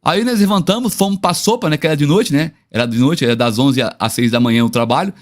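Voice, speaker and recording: A man's voice: on the high side, fast. A man with a Brazilian Portuguese accent, a guest pastor telling a personal story with hesitant restarts.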